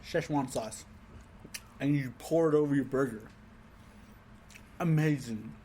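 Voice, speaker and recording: A man's voice: medium pitch, a little slow, mellow, a little hiss or hum. A man co-hosting a casual podcast chat, telling stories animatedly and swearing casually. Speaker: podcast co-host.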